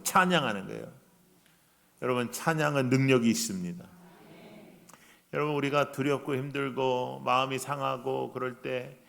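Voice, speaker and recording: A man preaching a revival sermon in a church, acting out voices in his story and shifting between loud outbursts and hushed lines. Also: mid-range voice, gravelly. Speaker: guest preacher. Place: church sanctuary.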